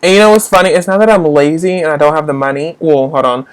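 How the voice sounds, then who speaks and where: A man's voice: fairly high pitch, steady tone, fast talker, clean tone. A young man hosting a casual live stream, chatting with viewers while getting frustrated with his tablet and phone. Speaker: livestream host.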